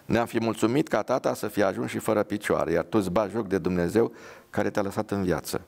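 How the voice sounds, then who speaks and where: A man's voice: fairly low pitch, vocal fry, darkish tone. A man voicing a pious, blunt young woman dressed as a nurse, with an earnest, scolding manner.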